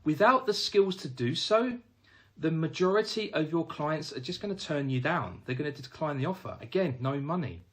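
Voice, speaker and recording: Male finance trainer with a slightly higher voice and animated intonation, emphatic, talks to viewers directly. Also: moderate pace. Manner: emphatic, addresses viewers as "guys". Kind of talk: direct-to-camera instructional talk.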